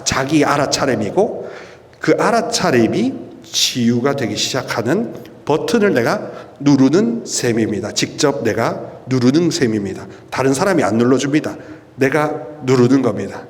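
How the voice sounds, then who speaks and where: In a large church hall with a long echo, a middle-aged male priest preaches at a prayer meeting. His charismatic sermon is lively and emphatic, his voice slightly high, and he leans on rhetorical questions and stretched-out emphasis.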